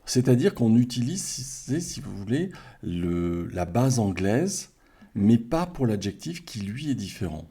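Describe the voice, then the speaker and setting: A man with a French accent, co-hosting a language livestream, explaining calmly and checking in with his listeners. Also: fairly low pitch, a little slow, breathy edge. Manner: calm and explanatory, checks in with "hein" and "d'accord". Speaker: French teacher, co-host.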